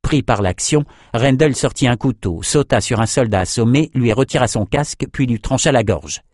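A man narrating a fantasy audiobook in a steady, even storytelling manner. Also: medium pitch, moderate pace, dry recording, studio quality. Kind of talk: scripted narration.

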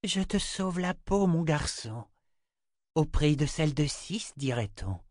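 An ancient, cunning witch who draws out her words in a high, slow, chilling voice, as a male narrator puts her on. She sounds set apart from the narration, a touch distant. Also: animated, a little mellow, dry recording, clean studio sound. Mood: wry. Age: older. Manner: slow, drawn-out, menacing. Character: ancient cunning witch mother, old woman.

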